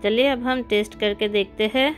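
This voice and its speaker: A woman's voice: mid-range voice, fairly even intonation, moderate pace. A woman hosting a cooking channel, giving friendly step-by-step recipe instructions in a voice-over. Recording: soft background music.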